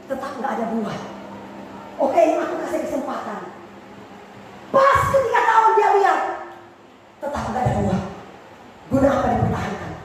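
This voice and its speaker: A woman pastor preaching a sermon with passion, swinging from soft pleading to shouted warnings. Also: high-pitched. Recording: echoey hall, mic far off, noisy.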